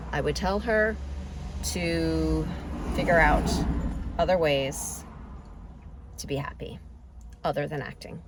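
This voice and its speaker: A woman's voice: deep voice, background noise. A woman in her forties, an actress vlogging, chatting casually and self-deprecatingly, with frequent laughs. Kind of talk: casual vlog chat. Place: home, then car.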